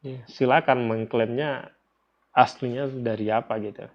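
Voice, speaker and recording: A man with an Indonesian accent, working as a religious teacher, gives an informal lecture in a mid-range, fairly even voice. He goes unhurriedly step by step, repeating phrases and putting questions to his listeners. The audio is dull and lo-fi, with slight background noise.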